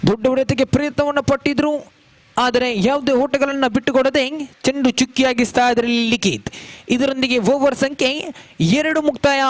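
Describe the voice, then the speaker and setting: A man giving live cricket commentary at a ground, with a flowing, formal delivery that rises on big shots. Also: extremely high pitch.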